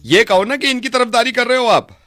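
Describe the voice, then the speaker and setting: A man's voice: very high voice, fairly quick, sharp tone, dry recording. A man making a radio prank call, griping and arguing heatedly over the phone. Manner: aggrieved complaining that turns into heated arguing.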